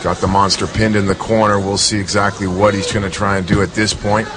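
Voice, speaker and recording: A man's voice: lowish voice, little pitch movement, a little fast, crowd noise. A man giving casual analysis as a co-commentator at a fight. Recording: music behind commentary.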